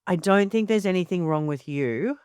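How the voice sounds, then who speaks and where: A woman in her forties, a journalist guest on a podcast, telling stories frankly and with lively energy. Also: fairly low pitch, moderate pace, clean tone, no echo, clean studio sound. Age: 40s. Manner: animated storyteller, frank and swearing. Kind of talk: candid casual interview.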